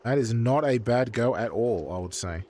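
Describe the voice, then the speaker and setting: Excitable, foul-mouthed male streamer. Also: medium pitch, moderate pace, a little hiss or hum. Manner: swears freely, excitable outbursts. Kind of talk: casual chat while painting.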